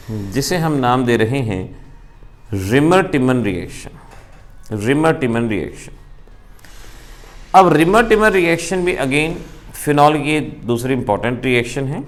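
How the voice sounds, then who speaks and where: A man with an Indian accent giving an exam-prep chemistry lecture, explaining reaction steps in a brisk, emphatic way. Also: mid-range voice. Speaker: chemistry teacher.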